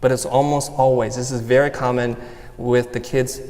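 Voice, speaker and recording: A man speaks from a stage in an earnest, personal way, walking listeners step by step through an exercise. His voice sits at an ordinary middle pitch. A long reverb from the hall hangs after each phrase. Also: flat delivery, normal speed, a little mellow. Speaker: speaker giving a talk. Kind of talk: motivational talk.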